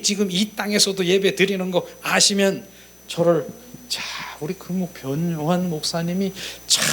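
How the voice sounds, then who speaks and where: A middle-aged male pastor preaching a sermon at a church service, swinging between loud, emphatic exclamations and soft, quiet murmurs. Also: a little high, slight background noise.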